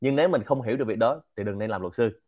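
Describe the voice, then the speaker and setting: A man from central Vietnam with a Quảng Nam accent, giving an informal business lecture in an animated, rhetorical way and often asking the audience to agree. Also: on the low side, racing, narrow, tinny audio. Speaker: lecturer and host of a Q&A show.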